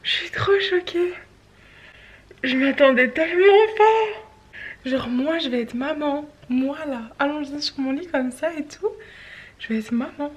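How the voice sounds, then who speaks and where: Young female vlogger, high-pitched, jittery, slips into whispers; casual chat. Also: measured pace. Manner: nervous, often whispering to the camera. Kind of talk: casual vlog.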